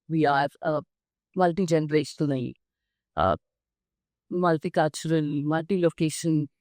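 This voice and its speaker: A woman's voice: sits low, darkish tone, no room sound, clean studio sound. A woman, hosting an interview, who builds her questions thoughtfully, step by step. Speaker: interviewer, company chairperson. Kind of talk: interview conversation.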